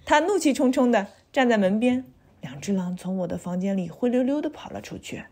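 Woman storyteller for a children's read-aloud, lively intonation, clear delivery. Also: mid-range voice, a little fast.

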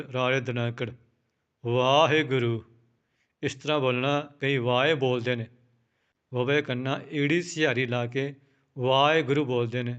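A man teaching scripture pronunciation, spelling out each word letter by letter and repeating it slowly. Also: medium pitch, a bit bright, smooth, lo-fi sound. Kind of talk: slow, careful recitation lesson.

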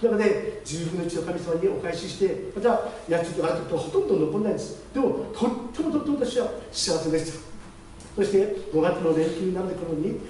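A high-pitched male pastor tells his testimony at a brisk clip, acting out the other voices in his story. His voice is picked up from some distance in a heavily reverberant chapel, with faint noise underneath. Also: lively intonation, warm tone. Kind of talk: testimony sermon. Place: church chapel. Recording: very echoey hall, distant mic, faint noise.

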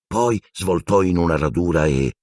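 A man narrating an audiobook with expressive storytelling. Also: low voice, moderate pace, no room sound, studio quality. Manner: expressive storytelling, voicing every character.

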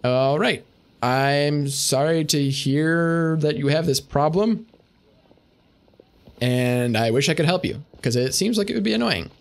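A man's voice: a little high, a little slow. A young man streaming a game, rambling with sarcastic asides. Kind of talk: casual gameplay commentary.

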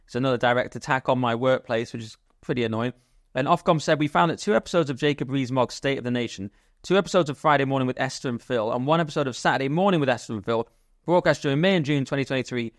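A man co-hosting a political chat podcast, riffing in a jokey, animated way. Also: medium pitch, no room sound, studio quality. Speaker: podcast co-host.

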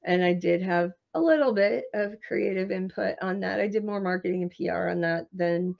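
Woman guest, lowish voice, animated anecdotal delivery, slightly dull lo-fi audio. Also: moderate pace, creaky. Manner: animated anecdotal storyteller, laughs often. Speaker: screenwriter and marketing guest. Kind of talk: interview storytelling.

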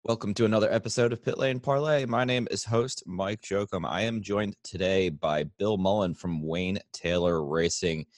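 Male podcast host with a very low voice and a dry, close sound, asking easygoing interview questions. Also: normal speed, hardly any pauses, no echo. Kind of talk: casual interview hosting.

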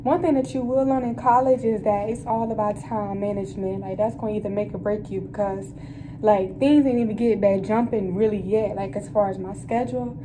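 A woman's voice: mid-range voice, steady tone, fairly quick. A young woman, a college student, vlogging her day around campus in a chatty, slangy way, talking straight to her viewers. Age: young adult. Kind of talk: casual vlog chat. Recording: noisy campus background.

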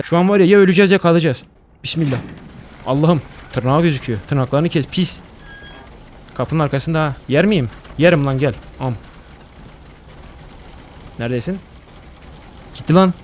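A young man streaming a horror game, swearing a lot and jumping into loud panicked outbursts. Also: on the high side, a little hiss or hum. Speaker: gaming streamer. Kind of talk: horror game let's play.

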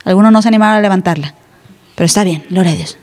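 A woman's voice: medium pitch, racing, darkish tone. A woman pastor, preaching an emphatic, teasing sermon in church. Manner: emphatic, teasing, plays other voices. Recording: live church hall reverb.

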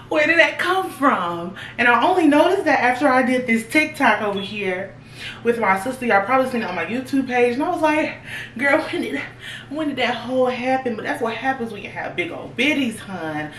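A woman's voice: medium pitch, a bit bright, a little hiss or hum. Chatty young woman vlogging in an echoey room. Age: 20s. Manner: chatty, talks straight to viewers. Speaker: fashion vlogger. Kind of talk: casual try-on haul chat. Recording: echoey room, voice a little far from the mic.

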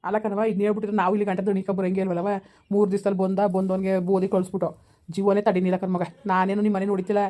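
A woman's voice: medium pitch, flat delivery, fast talker, dark tone, lightly acted. A woman playing a stern elderly village father-in-law, blunt and questioning. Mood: gruff. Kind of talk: village skit acting.

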